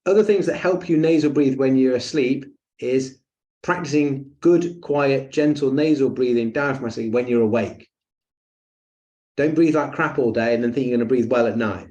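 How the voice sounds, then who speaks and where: A man's voice: medium pitch, moderate pace, darkish tone, lo-fi sound. A man teaching a breathing webinar in a chatty, jokey way with lots of fillers and asides. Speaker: breathing coach.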